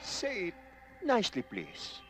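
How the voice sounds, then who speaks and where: A man's voice: high voice, wildly swooping pitch, slow pace, faint music behind, heavily acted. An actor playing a deferential underling in a film comedy who formally pleads with his commander. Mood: wary. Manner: deferential and formal, then overjoyed. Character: pleading male underling begging for power.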